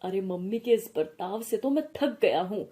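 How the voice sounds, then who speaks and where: A woman voicing a young husband in an animated story, mild and weary, speaking gently and pleadingly. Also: mid-range voice, moderate pace, close to an everyday voice.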